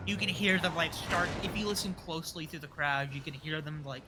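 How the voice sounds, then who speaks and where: A man's voice: on the high side, a little fast, sharp tone, slight background noise. A man narrating casually as game master of a tabletop role-playing game, improvising as he goes.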